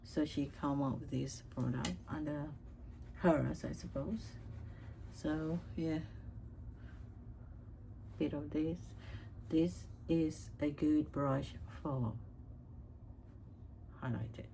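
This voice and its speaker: A woman's voice: low voice, steady tone, very slow, gravelly, long pauses, mellow, slight background noise, rough recording. A woman vlogger chatting casually about makeup, rambling with lots of fillers and restarts. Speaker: beauty vlogger.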